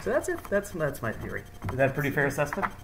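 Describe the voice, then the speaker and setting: A man's voice: on the high side, huge pitch swings, quick pace, creaky, over music. A man hosting a podcast in a casual, jokey, hyped-up chatting style. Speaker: podcast host. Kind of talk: casual chat.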